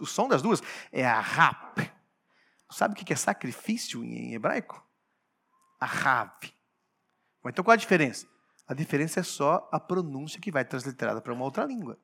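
A man preaching a sermon, emphatic, swinging between quiet asides and loud declarations, often asking the congregation rhetorical questions. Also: high-pitched.

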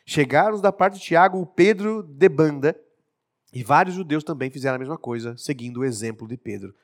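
A man's voice: fairly high pitch, expressive, fairly quick. A man preaching a sermon with emphasis, acting out what the people in his stories say. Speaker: pastor.

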